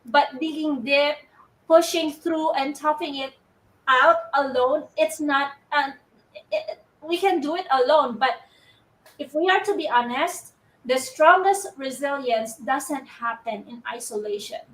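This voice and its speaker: High-voiced woman from the Philippines, echoey. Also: measured pace, a bit bright, distant mic. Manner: upbeat, rambling, frequent restarts. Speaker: live show co-host. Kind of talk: casual live-stream talk. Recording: roomy audio from away from the mic.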